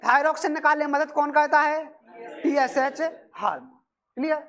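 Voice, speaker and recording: High-voiced woman teacher drilling a class. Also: steady tone, a bit bright. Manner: drills by asking questions and answering them herself; repeats key terms, brisk and chatty with students. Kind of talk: classroom lecture for exam prep. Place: classroom with students.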